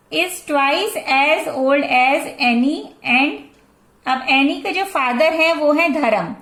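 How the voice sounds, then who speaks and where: Indian woman teacher in her forties, slow and patient, recorded in an echoey room. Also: high voice, fairly bright tone. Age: 40s. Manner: slow, patient explaining that mixes Hindi and English. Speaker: math teacher. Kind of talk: classroom lesson explaining a math problem.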